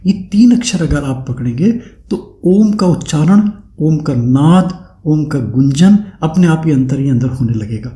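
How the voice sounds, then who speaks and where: A man's voice: fairly high pitch, lively intonation, normal speed, few pauses, warm tone, echoey room. A man giving a spiritual discourse as a teacher, explaining step by step, often checking in with "है ना" and demonstrating chants himself.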